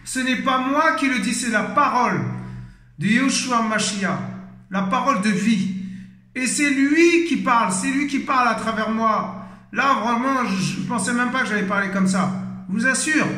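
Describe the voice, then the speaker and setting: A man's voice: very high-pitched, sharp tone, reverberant. A man giving an impassioned, fervent exhortation as a preacher, emotional, exclaiming and repeating himself.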